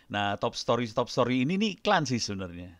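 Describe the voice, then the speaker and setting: Middle-aged man, casual lecture, chatty and loose, medium pitch, dry close sound. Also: big pitch swings, a little fast, a bit bright, dry recording. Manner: chatty, loose, laughs between points. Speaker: guest lecturer. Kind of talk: casual lecture with screen demo.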